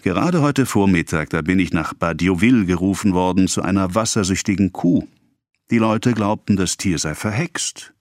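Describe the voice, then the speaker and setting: A man's voice: sits low, dry recording, clean studio sound, natural voice. A man doing a hearty old village priest. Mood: jovial. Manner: jovial, slow and emphatic.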